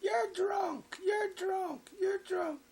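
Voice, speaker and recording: A man's voice: drawn-out words, a little mellow, exaggerated voice. A man voicing his crying, distraught mother, shrieking back at her husband. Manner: shrill, shrieking.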